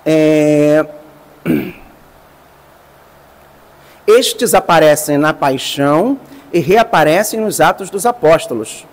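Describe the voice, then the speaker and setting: Priest giving a lesson, kinda high voice, long reverb like a hall, slow careful explaining. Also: male voice, lively intonation. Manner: explains slowly, stressing terms. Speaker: priest teaching a class. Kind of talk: lecture.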